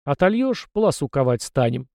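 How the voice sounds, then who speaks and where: A man's voice: on the high side, sing-song, a little fast, vocal fry, warm tone, dry recording, clean studio sound. A man voicing a brash young soldier. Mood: firm.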